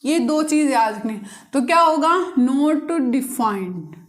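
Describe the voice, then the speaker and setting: High-voiced woman teaching maths. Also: normal speed, a bit bright. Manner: asks the class questions and answers them herself; patient, repetitive step-by-step explaining. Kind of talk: blackboard-style maths lesson.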